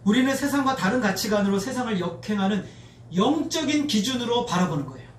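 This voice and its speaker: A man's voice: high-pitched, quick pace. A male pastor preaching a sermon and leading his congregation in call-and-response, recorded in a church sanctuary. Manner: leads the congregation in call-and-response, lively and expressive. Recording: echoey church recorded from a distance, faint noise.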